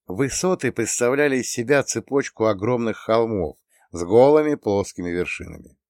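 A man narrating an adventure audiobook in the first person, with steady storytelling. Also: mid-range voice, moderate pace, no room sound, clean studio sound. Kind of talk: scripted narration.

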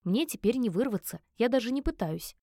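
A woman reading a first-person romance novel aloud as an audiobook narrator, with expressive, emotive storytelling. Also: a little high, a little fast, no room sound, studio quality.

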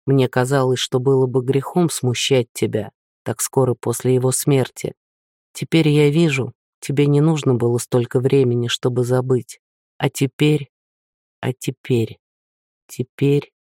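A man voicing a bitter, proud young man in a storybook reading, speaking quietly and with restraint. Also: medium pitch, fairly even intonation, unhurried, no room sound, studio quality, natural voice. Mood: shaken.

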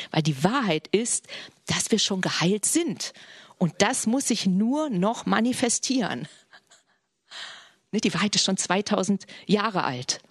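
A woman preaching a sermon in an earnest way, often dropping into soft whispered passages. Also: on the low side, slightly rough, no room sound, clean studio sound.

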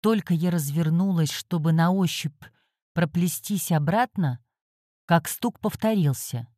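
Woman, audiobook narrator, first-person fantasy, wry, tired, low voice, dry close sound. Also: a little slow, mellow, no room sound.

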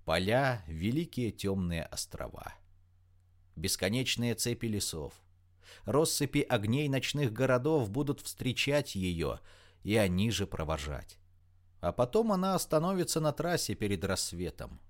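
A man reading an audiobook in an expressive, dramatic narration style. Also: lowish voice, a little slow.

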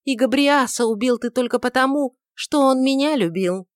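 A woman voicing a proud, quick-tempered young beauty who talks in a mocking, defiant way, on a dry recording. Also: high voice, no room sound, voice pushed up, natural voice. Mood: scornful.

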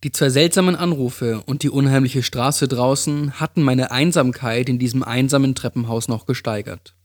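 A man narrating a first-person horror story in a calm, hushed storytelling manner. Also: medium pitch, moderate pace, no echo, studio quality. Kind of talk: first-person creepypasta reading.

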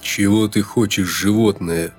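A man's voice: sits low, level tone, takes it slowly, faint music behind. A male narrator voicing a huge, menacing fighter who growls threats with contempt.

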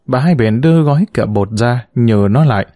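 A man reads a novel aloud in a steady, measured way. His voice is warm and mellow, at a middle pitch. The recording is dry and close, with no room sound. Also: dry recording. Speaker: narrator. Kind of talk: audiobook narration of a novel.

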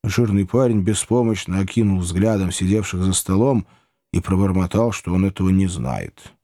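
A man narrating a classic novel as an audiobook reader, in measured storytelling. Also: sits low, no echo, clean studio sound. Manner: measured storytelling, animated delivery. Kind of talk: scripted narration.

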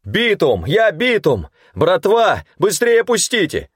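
A man voicing a frantic, ragged young male scavenger who shrieks and pleads in a shrill, crazed way. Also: sing-song, unhurried, no room sound, clean studio sound. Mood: frantic shrieking.

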